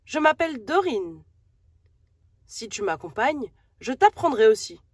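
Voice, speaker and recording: A woman's voice: fairly high pitch, very animated, a little slow, slightly rough, no echo, clean studio sound, heavily acted. A woman voicing a friendly, confident young female frog in a storybook, chirpy, as if reading to a toddler.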